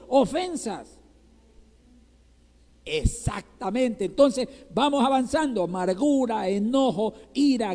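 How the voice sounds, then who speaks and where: This male pastor from Ecuador has a very high, mellow voice and preaches in Ecuadorian Spanish inside a reverberant church hall. Throughout the sermon he asks his congregation rhetorical questions and checks with them over and over.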